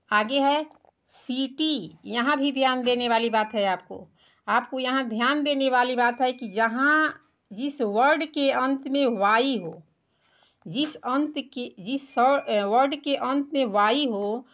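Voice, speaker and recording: Slow, patient woman teacher. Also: sits high, fairly bright tone. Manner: patient, spells words out letter by letter. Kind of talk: children's English vocabulary lesson.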